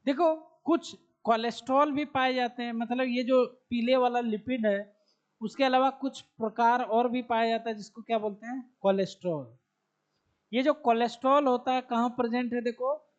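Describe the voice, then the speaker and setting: In this dull, lo-fi classroom recording, a man speaking at normal speed with an extremely high pitch gives a biology lecture in Bihari-accented Hindi. He poses questions to the class, answers them, and says key terms again as he writes them up.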